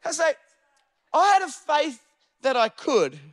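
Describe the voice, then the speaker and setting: A high-pitched young man delivers a lively sermon. He tells stories and often rises to shouted, fervent appeals. The sound is close and dry. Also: a little slow, no echo. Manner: energetic preaching, rising to shouts, asks the crowd "Amen?". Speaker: guest pastor. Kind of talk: sermon with storytelling. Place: church auditorium.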